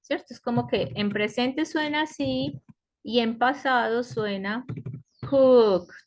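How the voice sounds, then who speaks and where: Woman teacher on a video call, talks slow, keeps checking if everyone gets it. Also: on the high side, slight background noise. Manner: slow, patient explaining with frequent checks like "¿cierto?". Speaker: English teacher. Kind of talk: online class lecture. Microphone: computer mic on a web conference.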